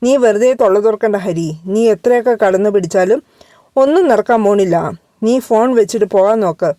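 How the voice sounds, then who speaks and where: Woman reading a cold storybook young man, flat and blunt, mellow dark tone. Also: mid-range voice, brisk, no room sound, studio quality, lightly acted.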